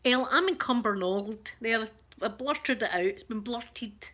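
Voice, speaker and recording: An unhurried woman with a somewhat high voice and a Glaswegian Scottish accent chats casually on her live ASMR stream while reading the chat. She warmly welcomes viewers by name, often laughing and cutting herself off mid-sentence.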